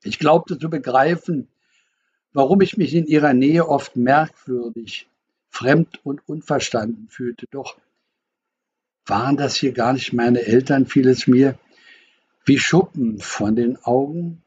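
A man reading a first-person novel aloud as an audiobook narrator, calm and measured. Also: medium pitch, husky, muffled recording.

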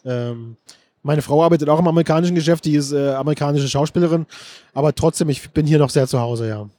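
At a book fair, a middle-aged screenwriter and director is interviewed in a casual conversation. His voice is fairly high with a dark tone, and he talks fast, thoughtful but restarting sentences often and using many fillers.

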